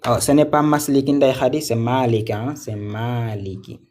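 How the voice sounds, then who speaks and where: A man's voice: mid-range voice, fairly even intonation, fairly quick, a little mellow. A man teaching a live online reading lesson, patiently repeating syllables and words, asking students questions and praising their answers.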